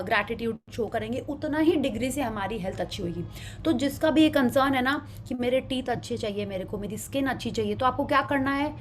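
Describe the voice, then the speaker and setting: A woman with an Indian accent teaching interactively as an instructor, animated and full of questions. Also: a little high, slight background noise. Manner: animated, asking rhetorical questions.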